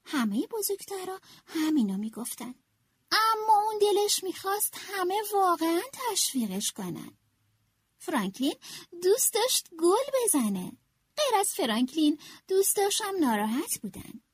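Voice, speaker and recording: A woman narrating a children's storybook, reading in an expressive, animated way. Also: very high-pitched, no room sound, clean studio sound. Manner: expressive, animated read-aloud.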